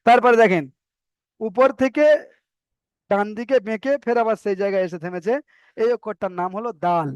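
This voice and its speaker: A patient Arabic alphabet teacher with an Indian Bengali accent runs an online Quran reading class, repeating each letter slowly and stretching out the vowels. His voice is high and smooth. The audio is dull, with no echo.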